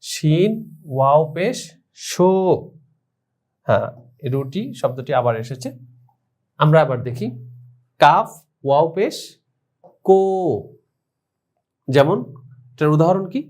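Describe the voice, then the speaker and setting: Man slowly spelling out letters for students. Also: on the high side, lively intonation, a little mellow. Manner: addresses students directly, explanatory. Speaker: Urdu language teacher. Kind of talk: online language lesson.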